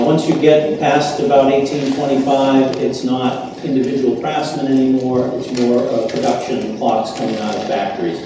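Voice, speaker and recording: Boston man lecturing in an echoey hall. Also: mid-range voice. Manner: filler-heavy, relaxed and self-deprecating. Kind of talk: public lecture. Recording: echoey hall, distant mic, faint hiss.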